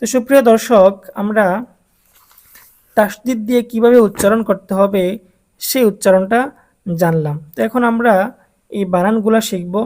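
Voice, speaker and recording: A woman teaching Quran letter pronunciation in a step-by-step lesson with a Bangladeshi Bengali accent, slowly drilling sounds for learners to repeat. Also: mid-range voice, darkish tone.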